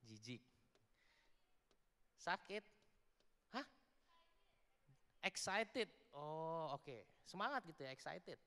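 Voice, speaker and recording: A man's voice: on the high side, big pitch swings, drawn-out words, pauses often, sharp tone. A man giving a casual youth sermon, joking and quizzing the audience while mixing in English words. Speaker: youth preacher. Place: large church hall before a youth audience. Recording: long echoing hall reverb.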